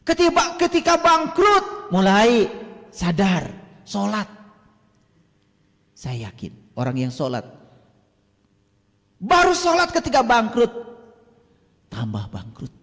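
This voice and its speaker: A man with an Indonesian accent delivers a sermon in a strikingly high voice, swinging from loud bursts to near whispers. He slows to chant Arabic verses, and his words ring out with a long hall reverb. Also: wildly swooping pitch. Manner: dramatic, swings from loud to hushed. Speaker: religious teacher.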